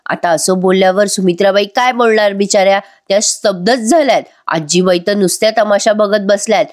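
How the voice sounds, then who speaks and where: A woman's voice: mid-range voice, brisk. A woman giving a chatty voice-over recap of a TV serial, talking directly to viewers. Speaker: TV serial reviewer.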